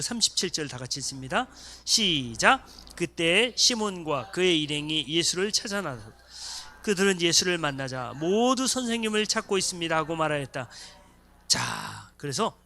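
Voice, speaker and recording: A man preaching as pastor of a church, acting out little voices of people in his stories. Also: sits high. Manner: animated, acts out voices of congregants and students. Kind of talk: sermon. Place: church sanctuary.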